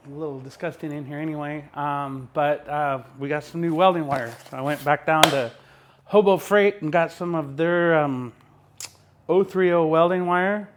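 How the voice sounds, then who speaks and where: A man's voice: on the high side, fairly bright tone. A man in a home workshop, chatting in an easygoing, folksy way while he welds and explains his steps. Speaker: home welder and mechanic. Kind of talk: casual workshop how-to vlog.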